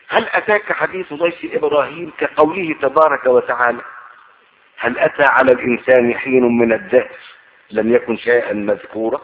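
A man's voice: mid-range voice, a little hiss or hum. Man preaching over tinny radio. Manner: emphatic, rising to fervent oaths. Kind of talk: Quranic sermon and commentary.

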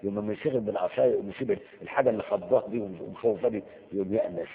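A man's voice: on the low side, racing, vocal fry. A man with an Egyptian accent giving a lecture on Quranic rhetoric, asking his listeners rhetorical questions and acting out stories dramatically. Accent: Egyptian Arabic. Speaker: religious teacher. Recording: tinny phone-like sound with long hall reverb.

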